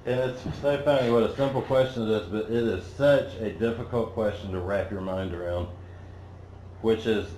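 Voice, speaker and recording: A man giving a live spiritual talk in an auditorium. He speaks bluntly, swears freely, builds to loud emphatic peaks and then drops back down low. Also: normal speed, echoey room, a little hiss or hum, rough recording. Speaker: spiritual teacher. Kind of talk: live motivational talk to an audience.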